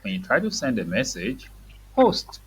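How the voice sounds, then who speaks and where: A woman's voice: extremely low pitch, wildly swooping pitch, moderate pace, husky. A woman teaching reading to a young child, saying words for the child to repeat and explaining them simply.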